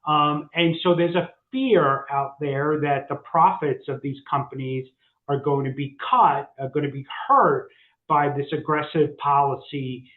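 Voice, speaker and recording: A man with a fairly high voice talks through market sectors in a casual, halting way, full of fillers and restarts. He sounds thin and phone-like, with a roomy echo around him. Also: fairly even intonation. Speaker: co-host, financial advisor.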